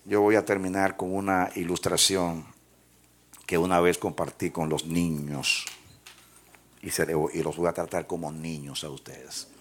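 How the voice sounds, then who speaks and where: A man's voice: sits low, steady tone, a little slow. A man preaching a sermon and telling a story to his congregation. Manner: storytelling, rising to shouted praise.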